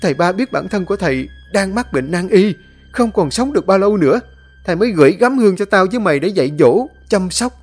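A man's voice: sits high, lively intonation, quick pace, slightly rough, soft background music, pitched above the performer's own voice. A man doing earnest righteous young disciple Chính. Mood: pleading. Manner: loud, earnest and pleading.

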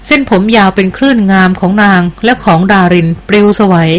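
A woman reads an adventure novel aloud in a steady, even storytelling delivery. Her voice sits at a middle pitch for a woman. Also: a little fast. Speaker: audiobook narrator. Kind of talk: scripted novel narration.

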